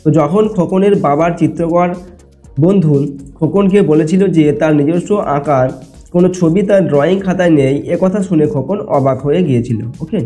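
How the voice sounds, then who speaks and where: Man teacher, slightly high mellow voice, patient and step-by-step, soft music underneath. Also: normal speed. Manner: explanatory, checks in often with "ঠিক আছে?". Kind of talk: exam answer walkthrough lesson.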